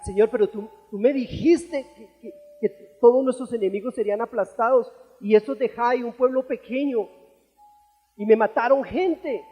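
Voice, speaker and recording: A man's voice: very high-pitched, moderate pace, slightly rough, dull audio, pitched above the performer's own voice. A Colombian man voicing a distraught biblical leader pleading tearfully with God, within a sermon. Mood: anguished. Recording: echoey church hall.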